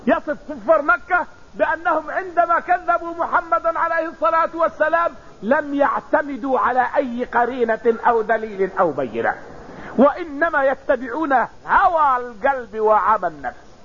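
A man's voice: very high-pitched, breathy edge, phone-quality sound. A man giving a religious lesson. He explains with everyday examples and repeats his phrases. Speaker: preacher.

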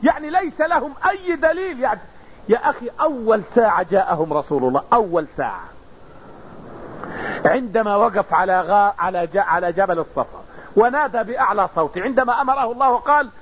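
A man's voice: high-pitched, lively intonation, brisk, a bit bright, muffled recording, a little hiss or hum. A man giving a religious lesson. He explains with everyday examples and repeats his phrases. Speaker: preacher.

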